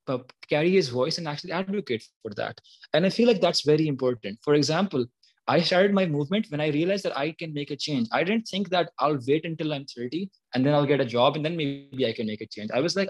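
On a rough recording, a Pakistani activist in his early 20s talks through his views with earnest conviction. His voice is a little high, and the interview talk is spontaneous.

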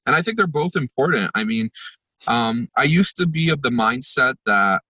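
A young man born in Israel and raised in New Jersey and New York, an empathy workshop facilitator, talks reflectively as a podcast guest in a conversational interview full of fillers and restarts. His mid-range voice is animated, sharp in tone, and slightly rough, at a normal speed. The low-quality recording has no echo.

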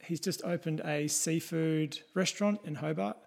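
Male podcast host, casual and keen, fairly high voice with plenty of creak. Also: moderate pace, darkish tone. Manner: informal, sweary, enthusiastic. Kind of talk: casual chat with spoken introduction.

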